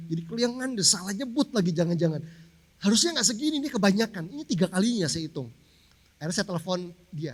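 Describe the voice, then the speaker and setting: A man preaching a sermon to his congregation, telling a personal story in a casual, conversational way and speaking to the listeners directly. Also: sits high. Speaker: pastor. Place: large church hall. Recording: long church hall reverb.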